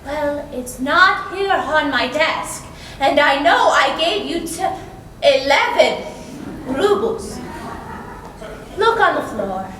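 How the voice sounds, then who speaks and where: A woman's voice: high voice, sing-song, slow, bright, forceful tone, a little hiss or hum, exaggerated voice. A woman playing a stingy, condescending employer on a stage, talking in a sweetly mocking way and laughing often, recorded from far off in an echoey hall. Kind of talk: stage play performance. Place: school stage before an audience. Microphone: distant room mic.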